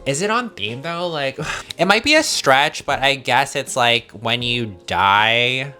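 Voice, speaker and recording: Sassy, bright-voiced man reviewing fashion. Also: mid-range voice, lively intonation, takes it slowly, soft background music. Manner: sassy, emphatic, gushing, drag-queen-like slang. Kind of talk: casual, opinionated fashion commentary.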